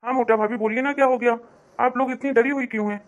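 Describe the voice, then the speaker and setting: A woman's voice: fairly high pitch, fairly even intonation, fast talker, highs cut off, lightly acted. A woman voicing a puzzled, impatient husband in a cartoon, who keeps demanding answers. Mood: questioning. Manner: questioning, impatient. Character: puzzled husband of the family, man. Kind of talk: cartoon voice acting.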